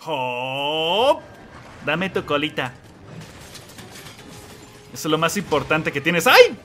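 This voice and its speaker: A man giving excited let's-play commentary, yelling and exclaiming at the game and talking to the monster. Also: fairly high pitch, takes it slowly, faint music behind. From Mexico. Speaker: gamer playing and commenting.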